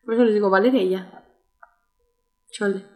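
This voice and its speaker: A woman's voice: medium pitch, steady tone, moderate pace, mellow. A young woman with a Mexican accent, co-hosting a podcast in casual chat, blunt and teasing. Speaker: podcast co-host.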